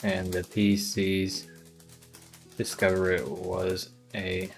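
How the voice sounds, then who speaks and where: Male streamer, unhurried and low, muses aloud with frequent pauses over quiet music. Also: monotone, creaky. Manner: hesitant, thinking aloud with many ums. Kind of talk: casual livestream brainstorming.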